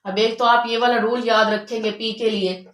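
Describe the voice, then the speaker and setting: A woman's voice: fairly high pitch, fairly even intonation, normal speed, fairly bright tone. A woman teaching a spoken English lesson, patiently explaining rules and repeating each word twice. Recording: echoey room.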